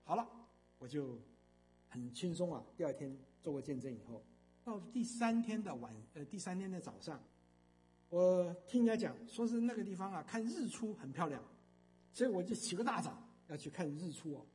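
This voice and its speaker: An older man giving a church testimony as a storytelling sermon, emphatic and animated, with frequent fillers. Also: high-pitched, normal speed.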